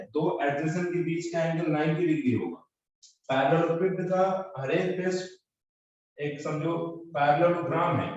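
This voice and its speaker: A man teaches a maths class in a slightly high voice. His words ring out in a very echoey room, picked up from a distance on a muffled recording. He repeats each term and keeps checking that the students follow. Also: a little mellow. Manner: drills students, repeats key terms, asks if they follow. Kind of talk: classroom lecture.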